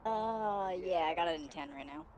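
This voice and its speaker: A man's voice: high-pitched, moderate pace, a little mellow, slight background noise. A man talking through a voice changer that morphs his voice, giving brief, offhand replies as a judge on a casual livestream call. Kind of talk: casual chat on a stream call.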